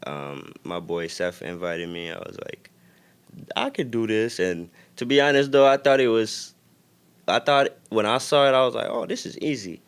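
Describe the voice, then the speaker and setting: A young man from Senegal with a Senegalese accent, a guest in a casual interview, talking in a relaxed, reflective way with many fillers. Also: fairly low pitch, moderate pace, smooth. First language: Wolof. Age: young adult.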